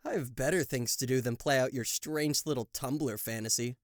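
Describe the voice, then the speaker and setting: A man performs a theatrical, sarcastic demon king of hell in a roleplay audio drama, proud and showy, speaking to the listener. He sounds exasperated and mocking, stammering in disbelief, with a medium-pitched voice at a moderate pace. The recording is clean studio sound with no echo, and the acting is light.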